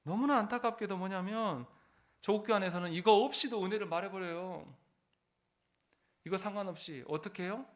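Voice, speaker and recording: A man with a high-pitched voice preaches a Sunday sermon in a church. He puts rhetorical questions to his listeners and answers them himself. His force swells and drops as he drives each point home. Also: brisk. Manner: emphatic, rising and falling in force. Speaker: pastor.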